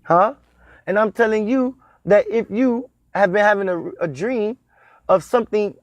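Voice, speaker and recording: A man's voice: sits high, darkish tone, no room sound. A man in his thirties giving a spiritual talk on dream meanings, repeating and stressing his points like a preacher. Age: 30s. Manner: repetitive, emphatic, preacher-like cadence. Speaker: spiritual teacher.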